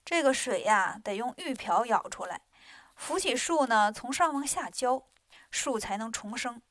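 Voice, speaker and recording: A woman voicing a calm, wry female bodhisattva who speaks softly and scolds gently. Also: a little high, unhurried, no room sound.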